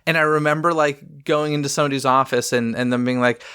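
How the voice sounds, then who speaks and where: A man co-hosting a casual podcast, chatty and quick with asides and easy laughs. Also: medium pitch, fairly even intonation, bright, forceful tone, clear, resonant tone. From Southern California. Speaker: podcast co-host.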